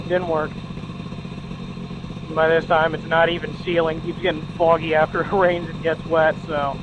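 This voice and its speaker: A young man in a helmet chatting casually and joking as he rides a motorcycle in the rain. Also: fairly high pitch. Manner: chatty, joking running commentary. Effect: muffled voice from inside a helmet. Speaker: motorcycle vlogger. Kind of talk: casual chat while riding. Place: outdoors, riding a motorcycle in the rain. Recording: loud engine and road noise.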